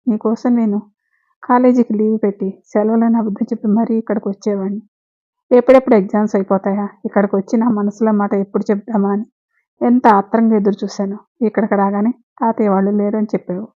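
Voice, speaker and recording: A woman's voice: mid-range voice, flat delivery, fast talker, narrow, tinny audio. A woman hosting a storytelling channel, reading a love story aloud and voicing all the characters in her own voice. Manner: reads every character's lines in her own voice. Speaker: storyteller host.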